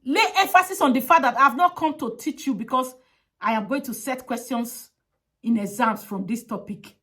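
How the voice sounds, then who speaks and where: A woman's voice: high-pitched, normal speed, fairly bright tone. A woman giving an impassioned advocacy monologue, emphatic and pleading, with heavy repetition.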